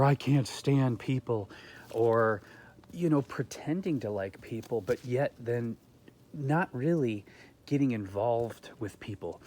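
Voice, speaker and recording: A man's voice: medium pitch, darkish tone. A man hosting his own gardening channel, talking earnestly to camera from his garden and musing aloud with rhetorical questions. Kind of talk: reflective talk to camera. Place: home garden, outdoors.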